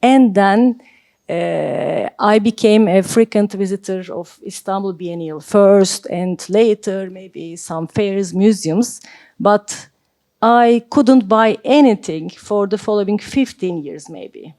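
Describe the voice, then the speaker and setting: A woman's voice: medium pitch, slow, warm tone, no room sound, clean studio sound. A woman in her forties from Turkey, telling a story as a guest at a panel talk, hesitant, with many filler sounds. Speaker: art collector, panel guest. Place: library event hall.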